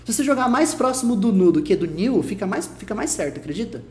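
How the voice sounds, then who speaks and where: A man's voice: sits high, sing-song, darkish tone, roomy sound. A Brazilian man with a Brazilian Portuguese accent, giving an online English lesson and patiently repeating each example. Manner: explains patiently, repeats each example, says English phrases slowly and carefully. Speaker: English teacher.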